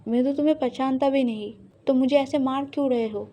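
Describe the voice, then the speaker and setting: A drunk, boastful young man, read by a woman narrator, blusters in a slurring voice. The tone stays dark and mellow but a touch high. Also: fairly quick, a little hiss or hum, natural voice. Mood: blustering.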